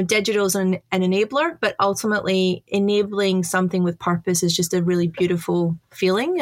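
A middle-aged woman from Scotland with a Scottish accent, chatting upbeat as an interview guest and laughing often. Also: on the low side. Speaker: guest, chief digital officer. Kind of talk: casual interview chat.

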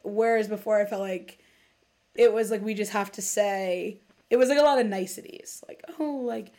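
A woman's voice: medium pitch, normal speed. A woman in her late twenties hosting a casual chat, talking with lots of "like" and acting out quotes. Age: late 20s. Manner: chatty, fillers of "like", animated quoting. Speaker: host.

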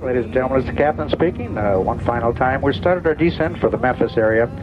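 A man, the airline captain, making a routine in-flight announcement over the plane's cabin loudspeaker. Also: quick pace, over music. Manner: routine, matter-of-fact announcing with a brief filler. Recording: muffled cabin PA with loud engine rumble.

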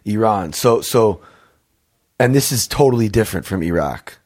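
Low-voiced man asking eager questions. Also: animated, moderate pace, a little mellow. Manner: eager questioning, lots of fillers like "like". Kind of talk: casual chat.

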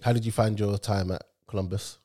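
A man's voice: lowish voice, steady tone, brisk, dark tone. A man with an urban London roadman accent, chatting casually and slangily as an interviewer. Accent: London, urban street. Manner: slangy, matey. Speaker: interviewer, host. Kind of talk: casual football chat interview.

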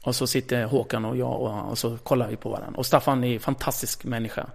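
Creaky-voiced man telling a blunt story. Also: medium pitch. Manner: lively, blunt, swears freely, acts out conversations. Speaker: interview guest, former radio host. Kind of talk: casual storytelling in an interview.

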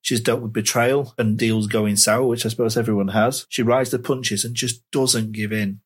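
A man's voice: mid-range voice, fairly even intonation, normal speed, slightly rough. A man hosting a podcast interview, chatty and friendly, often restarting his phrases. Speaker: podcast host. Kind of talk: casual interview.

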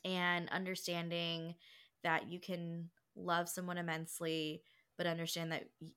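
A woman's voice: lowish voice, monotone, measured pace, bright, forceful tone, clear, resonant tone. A woman in her thirties co-hosting a casual podcast, speaking reflectively and meandering through her ideas with many fillers. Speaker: podcast co-host.

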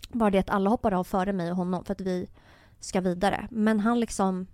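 A woman's voice: medium pitch, no room sound, clean studio sound. Young woman telling a story animatedly. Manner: animated storytelling, quoting others in put-on voices. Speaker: podcast host. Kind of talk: casual chat.

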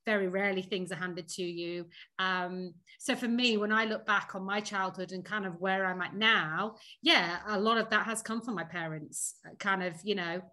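A woman's voice: medium pitch, fairly even intonation, normal speed, pushed and bright. A woman from Sheffield with a Northern English accent, chatting casually as a podcast guest, laughing often and using many fillers. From Sheffield, England. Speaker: podcast guest, company founder. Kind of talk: casual interview chat.

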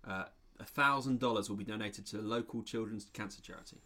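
A man co-hosting a podcast, relaxed and casual, telling news stories for a guessing game and chuckling often. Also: fairly low pitch, fast. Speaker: podcast co-host presenting stories. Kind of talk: casual chat.

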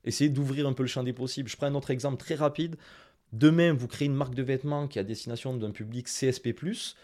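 Male guest, Toulouse accent, mid-pitched, punchy direct advice delivery. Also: quick pace. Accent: Toulouse (southern French). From Toulouse, France. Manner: direct, lively advice-giving, speaks straight to listeners. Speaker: guest, Instagram marketing expert. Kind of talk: casual podcast interview.

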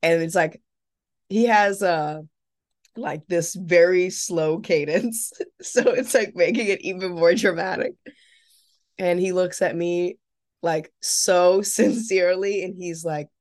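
A young adult woman co-hosting a podcast, telling an animated, casual story with some swearing. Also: lowish voice, slow pace. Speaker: podcast co-host. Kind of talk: casual chat.

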